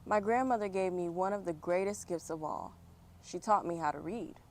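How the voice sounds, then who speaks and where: Speaking at normal speed in a low, slightly mellow voice, a woman reads a children's picture book aloud outdoors on a fall day. She adds chatty, encouraging asides for young viewers, with outdoor noise and passing vehicles in the background.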